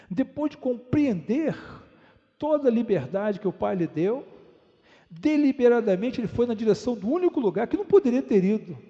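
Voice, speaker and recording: Pastor guy preaching, high mellow voice, long echoey church hall, muffled lo-fi sound. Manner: storytelling preacher, rhetorical questions, draws out key words. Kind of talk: sermon.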